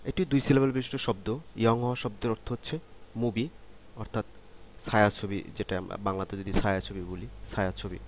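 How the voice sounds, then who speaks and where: Man, lower voice, language teacher, slow repetitive drilling, faint background hiss. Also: fairly even intonation. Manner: says each word slowly several times, then explains it. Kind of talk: slow, repetitive vocabulary lesson.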